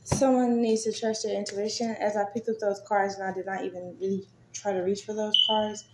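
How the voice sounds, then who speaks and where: A woman's voice: medium pitch, level tone, brisk. A woman giving a casual tarot reading, chatty and swearing freely, with many fillers. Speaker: tarot reader. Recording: echoey room, faint noise.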